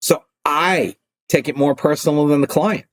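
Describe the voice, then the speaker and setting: A man's voice: fairly high pitch, normal speed. A middle-aged man, an attorney turned coach, talking casually in a podcast interview and acting out calls and arguments as he tells stories. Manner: animated, acts out phone calls and arguments.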